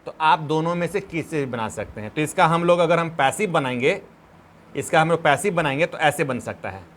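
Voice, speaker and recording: A man's voice: fairly high pitch, animated, brisk, fairly bright tone, a little hiss or hum. A man teaching a grammar lesson, patiently dictating examples word by word and asking the students questions. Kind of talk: grammar lesson, explaining step by step.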